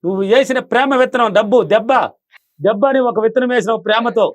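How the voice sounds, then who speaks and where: A man teaching as a spiritual guide, emphatic and animated, who repeats his lines and laughs often. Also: very high-pitched, fast, dry recording. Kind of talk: animated explanation.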